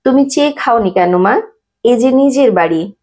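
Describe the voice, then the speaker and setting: A woman voicing a gentle, motherly elderly holy woman in a story reading, speaking tenderly and unhurriedly. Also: fairly high pitch, lively intonation, moderate pace, pitched above the performer's own voice.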